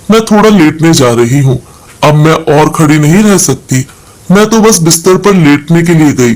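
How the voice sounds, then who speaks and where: Man narrating with a slightly high voice. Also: poor audio. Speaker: storyteller. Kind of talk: scripted first-person story narration.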